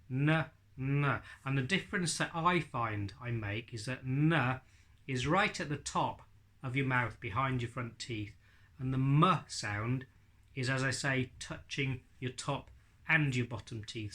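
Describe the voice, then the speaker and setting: Man, forties, bright crisp-edged tone, mid pitch, informal instructional delivery. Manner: explanatory, demonstrating isolated speech sounds. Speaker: ventriloquism teacher. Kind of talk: informal spoken tutorial. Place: living room with bookshelves and leather sofa.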